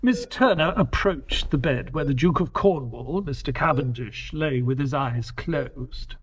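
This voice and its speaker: A man's voice: mid-range voice, a little slow, breathy edge. A man playing an earnest, educated doctor who narrates and talks in an audio drama, polite and descriptive. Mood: narrating.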